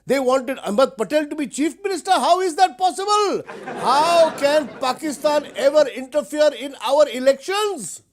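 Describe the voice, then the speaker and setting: A man's voice: very high-pitched, fairly quick, few pauses. A man with an Indian accent playing an indignant, self-important political spokesperson in a satirical mock news interview. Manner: indignant, deadpan, insistent.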